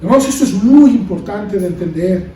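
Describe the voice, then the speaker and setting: A man's voice: high-pitched, expressive, moderate pace, dark tone, heavy reverb, recorded from a distance, a little hiss or hum, poor audio. A man preaching a sermon, building emphasis and asking rhetorical questions. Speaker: pastor.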